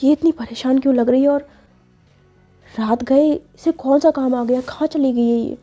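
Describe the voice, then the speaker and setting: A woman's voice: high-pitched, fairly even intonation, moderate pace, dark tone, faint music behind. A woman voicing a suspicious young man asking prying questions, on a dull lo-fi recording.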